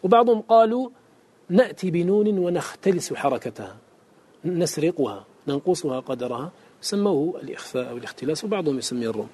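A man teaching Quran recitation rules in a classical Arabic lesson. He reads verses of a poem aloud, explains them line by line, asks his students questions, and chants the Quranic examples slowly. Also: a little high, expressive, dark tone, breathy edge.

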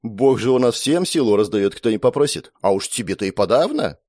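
A man voicing a sharp-tongued young woman who scorns her younger brother, sarcastic and quick to threaten. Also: medium pitch, expressive, no room sound, studio quality, natural voice. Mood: mocking.

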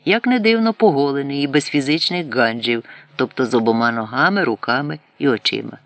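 A man narrating a novel as an audiobook in a measured, wry manner. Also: medium pitch, expressive, fairly bright tone, no echo. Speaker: audiobook reader. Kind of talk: scripted narration.

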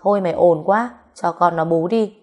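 Coarse, swearing woman in a storybook, gruff and scolding, voice on the low side as a woman narrator puts her on. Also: normal speed, darkish tone, close to an everyday voice. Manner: rough, scolding, swears freely. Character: coarse, blunt, foul-mouthed grown woman.

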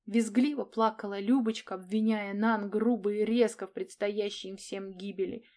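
A woman narrating an audiobook in an expressive, dramatic reading style. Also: medium pitch, normal speed.

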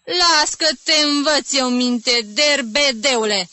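Woman voicing a shrieking irate bald music teacher. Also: expressive. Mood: scolding. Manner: shouting insults, shrill and explosive.

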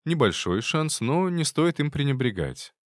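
A man narrating a first-person audiobook in a calm, wry manner. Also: mid-range voice, a little slow, no room sound, clean studio sound.

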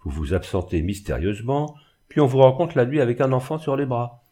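A man's voice: medium pitch, sing-song, fairly quick, mellow, voice pushed up. A man reading the part of a harsh, severe old spinster seamstress in an audiobook. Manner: severe, accusing.

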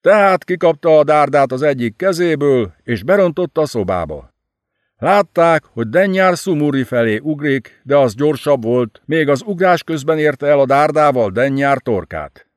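A man's voice: fairly high pitch, animated, no room sound, studio quality, voice pushed up, lightly acted. A man voicing an anguished warrior servant who speaks bitterly and urgently, his voice raised and pleading.

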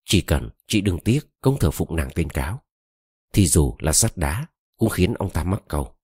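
A man's voice: low-pitched, lively intonation, normal speed, darkish tone, husky, no echo. A man voicing a sly, cunning old female shaman who coaxes and probes, read close to a dry mic. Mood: coaxing. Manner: cunning, coaxing.

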